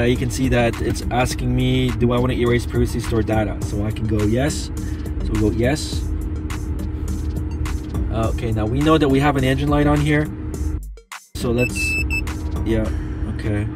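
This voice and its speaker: A man talks through a hands-on gadget demo in a loose, rambling way, full of "uh"s. His voice sits at an ordinary middle pitch, recorded on a handheld camera by a parked car. Music plays clearly underneath. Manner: loose, rambling, with frequent fillers. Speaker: product reviewer. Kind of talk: casual hands-on product demo. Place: in and around a parked car, outdoors. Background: background music.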